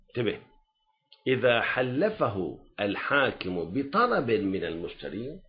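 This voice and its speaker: Animated Lebanese man lecturing. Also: mid-range voice, lo-fi sound. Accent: Lebanese Arabic. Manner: animated, keeps checking that students follow. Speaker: religious law teacher. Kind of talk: classroom lecture.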